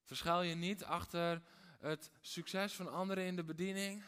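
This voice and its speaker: A male pastor preaches with a voice pitched a little above most men's. He moves between quiet, intimate lines and loud, fervent ones, and he hammers his points home with repeated phrases. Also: steady tone, moderate pace, clear, resonant tone. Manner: dramatic, swings between hushed and loud. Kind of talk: sermon.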